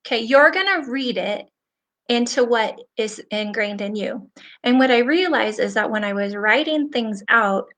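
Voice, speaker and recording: A woman's voice: a little high, a little slow. A middle-aged woman hosting a casual live stream, talking straight to her viewers in an earnest, chatty way and laughing often. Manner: animated, with frequent laughter. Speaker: host of a live stream for nail professionals.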